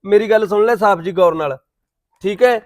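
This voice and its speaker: Man playing a curt, fast-talking boyfriend. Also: sits high, no echo, clean studio sound, lightly acted. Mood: dismissive. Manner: dismissive, curt. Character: young man backing out of a marriage promise, evasive. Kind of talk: village short-film acting.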